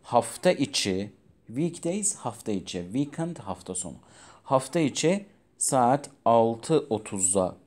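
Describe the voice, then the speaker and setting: Mellow-voiced male English teacher. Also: medium pitch, big pitch swings. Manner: patient and explanatory, translating each English line into Turkish; reads English lines slowly with British-style pronunciation. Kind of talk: video lesson for school pupils.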